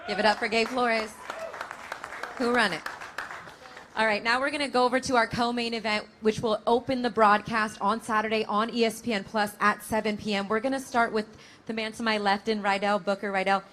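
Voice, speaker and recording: A woman's voice: a little high, flat delivery, fairly quick, fairly bright tone, a faint crowd. A woman with an American accent, hosting a boxing press conference as moderator. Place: live press event, at a table of fighters.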